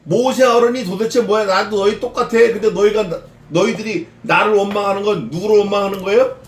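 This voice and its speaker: A man preaching an expository sermon as a pastor, lively, questioning the congregation and mixing in casual slang. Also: sits high, brisk, roomy sound. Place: church sanctuary.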